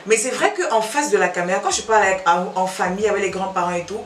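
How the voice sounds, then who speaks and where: This fast-talking YouTuber, a Cameroonian woman with a medium-pitched voice, addresses the camera casually, repeating phrases and drifting off mid-thought. Her accent is Cameroonian French touched by Belgian French. Slight background noise, a distant mic and room echo mark the recording.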